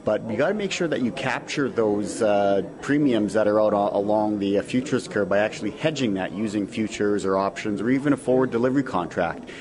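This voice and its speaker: A man explaining things conversationally as a financial advisor in a radio interview, thinking aloud with pauses. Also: fairly low pitch. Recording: crowd murmur in the background.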